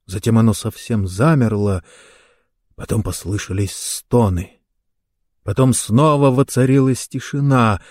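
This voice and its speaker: Slow, measured male story narrator. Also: fairly low pitch, no echo, studio quality. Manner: slow, measured, even reading. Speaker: audiobook narrator.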